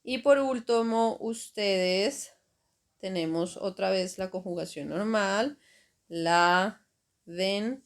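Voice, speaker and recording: A woman, teaching grammar at an unhurried pace. She explains one step at a time in a patient way and keeps checking that her students follow. Her voice sits at an ordinary middle pitch. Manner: slow, patient explaining with frequent "¿ok?" and "¿cierto?" checks. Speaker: Spanish teacher. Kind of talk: grammar lesson over slides.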